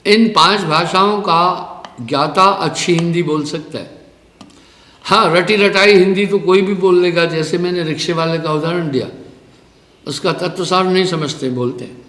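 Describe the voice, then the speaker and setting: High-voiced man preaching in echoey hall. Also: normal speed, pauses often, fairly bright tone. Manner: storytelling, explanatory preaching with spoken asides. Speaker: spiritual teacher. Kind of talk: live satsang discourse. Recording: echoey hall with long reverb.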